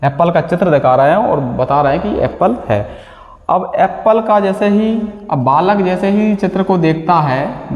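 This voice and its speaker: A man's voice: fairly high pitch, lo-fi sound. A male teacher giving an exam-prep lecture, often asking a question and then answering it himself with a repeated key word. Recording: echoey room with long reverb.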